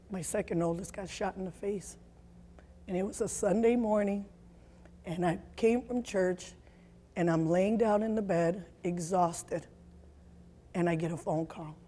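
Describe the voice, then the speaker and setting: A woman in her forties giving a personal testimony as a mother, speaking in an earnest, emotional, halting way. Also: fairly low pitch, dark tone.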